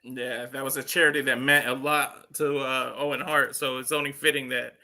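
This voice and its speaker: A man gives casual colour commentary on wrestling as the second commentator. His voice is extremely bright and sharp, at an ordinary male pitch. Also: flat delivery, moderate pace.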